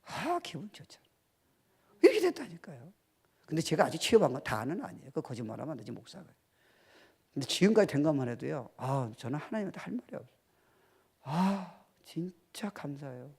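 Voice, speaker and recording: A middle-aged man preaching a sermon as pastor, swinging from loud, emphatic exhortation to quiet, confiding asides. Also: a little high, lively intonation, fast talker, vocal fry, slightly rough. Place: church sanctuary.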